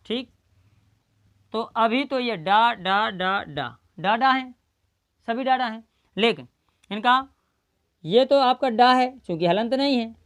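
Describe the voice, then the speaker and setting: A woman teaching Hindi pronunciation in a classroom style. She asks her own questions, answers them, and spells out the letter sounds one by one. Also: on the high side. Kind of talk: slow classroom-style lesson.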